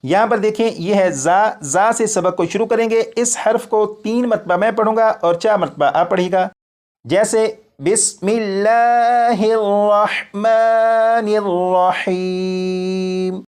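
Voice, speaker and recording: A man teaching Quran recitation, explaining letters slowly and drawing out each sound for the student to repeat. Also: sits high, a little mellow. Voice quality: drawn-out chanted letter sounds in drills. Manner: patient, repeats each point, pauses for the student. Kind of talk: slow step-by-step lesson on letters.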